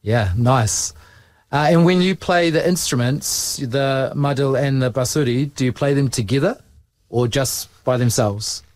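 New teacher, patient questions. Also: male voice, mid-range voice, measured pace, darkish tone, dry recording. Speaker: school teacher. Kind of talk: interviewing students. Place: school.

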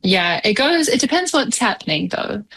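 A young New Zealand musician, appearing as a guest, chats casually in an interview with many fillers and laughs. Her accent mixes New Zealand and Canadian, and her fairly high, bright voice is very animated, creaky and breathy at the edges, at a moderate pace.

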